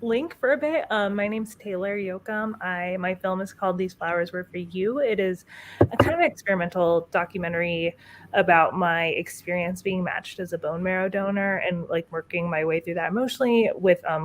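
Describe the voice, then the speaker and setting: A woman filmmaker on a video call, eager and upbeat, dropping quick filler words. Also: on the low side, a little hiss or hum. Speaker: experimental filmmaker, guest.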